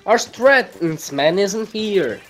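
A man chatting through a video game stream, joking around and trading trash talk with his friends. His voice sits a touch high and swings widely in pitch, and he takes his time with the words. Faint game music runs underneath. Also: animated, slow, a bit bright. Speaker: gamer on a live stream. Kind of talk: casual gaming banter.

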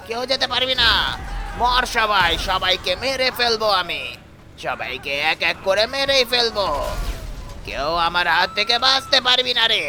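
A man voicing a cruel, gleeful male monster that threatens to eat and kill everyone, gloating slowly over his threats. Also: high voice, sharp tone, pitched below the performer's own voice, heavily acted. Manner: slow gloating threats, evil laughter. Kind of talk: comic gameplay role-play dub.

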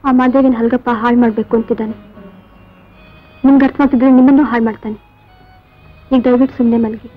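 A brisk, fairly high-voiced village wife, acted by a woman, earnest and plain-spoken. Her lines come through a tinny, narrow old film soundtrack with soft music underneath. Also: steady tone, close to an everyday voice. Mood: firm. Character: caring rural woman, firm with husband, adult. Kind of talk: 1970s Indian film dialogue.

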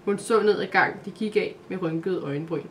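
A woman narrating a Christmas calendar story aloud, in a calm, steady way. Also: on the low side, a little hiss or hum.

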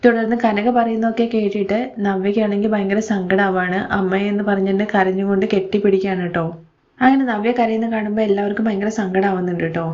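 Woman, casual recap narrator, mid pitch, slightly muffled home recording. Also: fairly even intonation, fast talker, darkish tone. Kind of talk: casual storytelling recap of a TV serial episode.

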